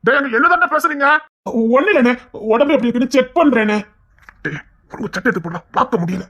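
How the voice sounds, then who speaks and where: A woman acting out a family serial, moving between brotherly scolding and tender coaxing in a husky voice. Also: high voice, fast, a bit bright. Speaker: storyteller voicing a whole family.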